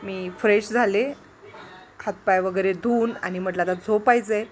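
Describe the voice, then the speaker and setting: Woman chatting softly about her pet parrot. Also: medium pitch, steady tone, moderate pace, soft background music. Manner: affectionate baby talk to a parrot. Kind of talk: casual home vlog chat. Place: home at night.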